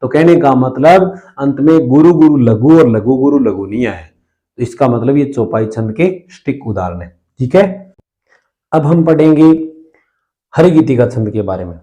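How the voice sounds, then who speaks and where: A man teaching a lesson on Hindi poetic meter. He explains step by step, counts syllables aloud and often checks in with a quick "okay", clearing his throat now and then. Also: mid-range voice, expressive, dark tone, poor audio.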